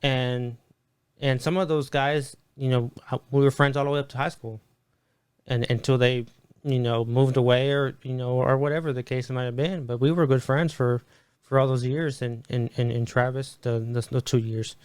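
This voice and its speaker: A man's voice: mid-range voice, fairly even intonation, normal speed, a little mellow, clean tone, dry recording. A middle-aged man, a podcast guest, telling stories animatedly and acting out quoted voices, with many restarts. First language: Spanish. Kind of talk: casual storytelling interview.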